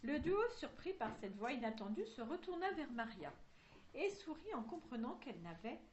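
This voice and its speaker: Reading a children's story at a moderate pace, a woman with a high voice and big pitch swings works through a novel chapter, handling every character in turn in one voice. She sometimes slips and starts over. The recording is muffled, with a little hiss or hum.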